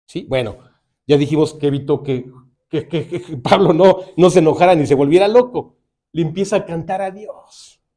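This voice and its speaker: A male preacher with a Mexican accent delivers a sermon as lively storytelling packed with rhetorical questions. His voice sits a little high, and he keeps a moderate pace.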